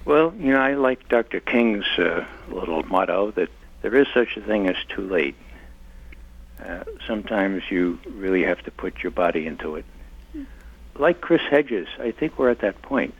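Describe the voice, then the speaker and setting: An older man speaking emphatically as an interview guest. His gravelly, husky voice swings widely in pitch. The recording sounds muffled and lo-fi. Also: lively intonation, moderate pace. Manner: impassioned, emphatic. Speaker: interview guest, former intelligence analyst. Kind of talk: conversational interview.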